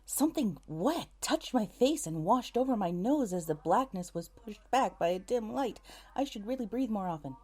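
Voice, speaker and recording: Recording an audiobook, a woman narrates a scripted story in an expressive, slightly mellow, medium-pitched voice at a moderate pace. She keeps stopping to correct herself, muttering exasperated asides between takes.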